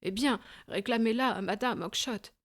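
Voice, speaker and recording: A woman reading an audiobook, voicing a fed-up male goose dealer who shouts and blusters. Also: a little high, normal speed, pitched above the performer's own voice, natural voice. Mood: furious.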